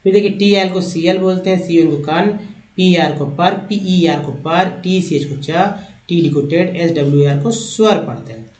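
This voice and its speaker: A man's voice: sits high, a little mellow. Man chanting spelling drills in an echoey room. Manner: rattles off letter sounds in a quick chant. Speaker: English pronunciation teacher.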